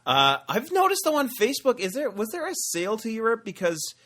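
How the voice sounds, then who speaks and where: A Canadian man co-hosts a podcast from home in front of a computer, chatting casually and joking with lots of fillers and restarts. His voice sits high with wildly swooping pitch, a little fast, pushed and bright.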